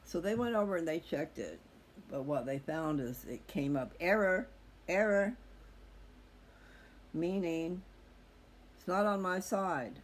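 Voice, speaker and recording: Talking straight to his audience, this middle-aged host of a personal video channel rambles candidly and reflectively in a casual monologue. He has a fairly high voice, goes slowly and pauses often, with clearly audible background noise in the recording.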